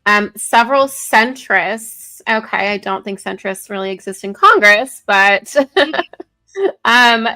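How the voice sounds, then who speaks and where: A woman's voice: mid-range voice, bright, forceful tone. A woman co-hosting a casual political talk show, reading news articles aloud with many fillers and self-corrections. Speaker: co-host.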